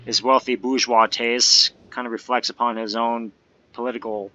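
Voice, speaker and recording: A man's voice: mid-range voice, level tone, normal speed, pushed and bright. A man hosting a let's play, giving casual game commentary with wry, joking asides. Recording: dull lo-fi microphone with game music. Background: video game music.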